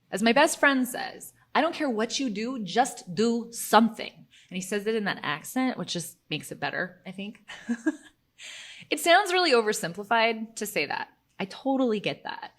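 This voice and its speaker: A woman's voice: medium pitch, a bit bright. A woman hosting her own podcast in a casual solo monologue, chatty and self-deprecating, laughing often. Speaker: podcast host.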